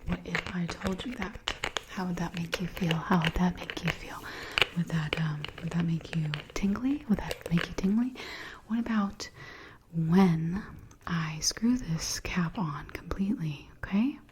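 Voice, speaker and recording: A woman's voice: on the low side, measured pace, darkish tone, a little hiss or hum. A woman whispering repetitive ASMR trigger phrases over tapping and lid sounds. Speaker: ASMR creator.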